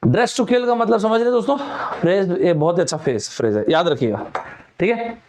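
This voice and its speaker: A middle-aged male teacher with a Hindi accent leads a live online vocabulary class. He talks to viewers like friends in a chatty way, and his voice sits a little high for a man. He slows down to spell out words letter by letter. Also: expressive, a little mellow, slight background noise.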